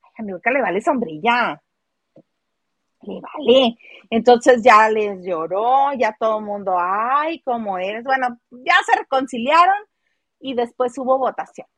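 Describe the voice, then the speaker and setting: A woman with a Mexican accent chatting casually about gossip, animated and mimicking people as she talks. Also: fairly high pitch, a little slow, dry recording. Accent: Mexican Spanish. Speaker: host.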